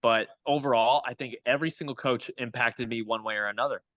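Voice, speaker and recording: A young man speaks as a guest hitting coach in a casual interview, keeping his tone upbeat and motivational. His voice is bright and forward, at an ordinary middle pitch. The sound is dry and close, as if over a video call. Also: fairly even intonation, fast, no room sound, lo-fi sound. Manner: upbeat, motivational, pep-talk phrasing.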